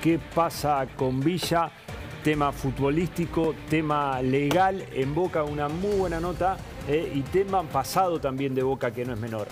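A man's voice: a little high, moderate pace, music in the background. A man on a TV sports panel, arguing his point and repeating himself. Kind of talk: TV panel discussion. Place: TV studio.

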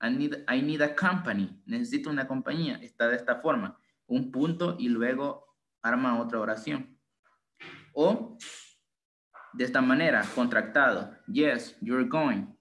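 A man's voice: mid-range voice, fairly bright tone. Man tutoring grammar in two languages. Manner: explains slowly, switches between two languages, asks "right?". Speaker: English tutor. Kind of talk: online bilingual grammar lesson.

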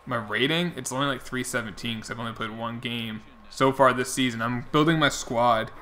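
Brisk and sharp-toned at a medium pitch, a young man casually chats during a baseball video game stream, answering his viewers. His voice is clearly getting worn out and he's losing it.

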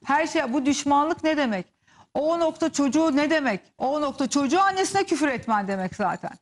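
A woman's voice: high voice, animated, a little fast. A woman TV commentator giving heated, emphatic gossip commentary and turning to the audience as she speaks. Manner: indignant, emphatic, addresses the audience directly.

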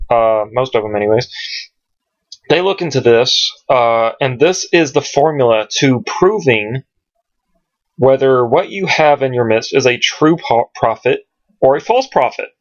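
A man teaching from scripture at home in a casual, rambling way, searching his computer aloud with many pauses and ums. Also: medium pitch. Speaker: Bible teacher. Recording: dull lo-fi home recording.

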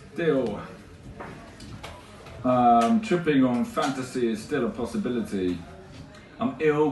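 A man in his thirties performs spoken word poetry at a stand mic. His rhymes roll in a rhythmic, tongue-twisting flow at a middling pitch. The sound comes from far off in an echoey space. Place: small stage with colored lights. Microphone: stand mic, filmed by a far camera.

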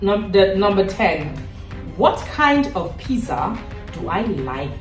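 Hosting a relaxed family quiz at home, a woman in her thirties from Cameroon, a vlogger and mother, teases everyone in good fun. She speaks slowly in a mid-range, sing-song voice. A distant camera picks her up in an echoey living room with faint music behind.

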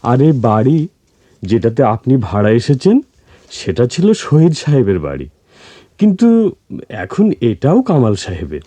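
Old deferential caretaker, stammering, lively pitch, dry lo-fi old radio drama sound. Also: male voice, measured pace, long pauses, dry recording. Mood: storytelling. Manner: humble, hesitant, stammering. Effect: dull lo-fi old radio drama sound. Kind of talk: 1970s-style radio drama acting. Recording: dull lo-fi old radio recording.

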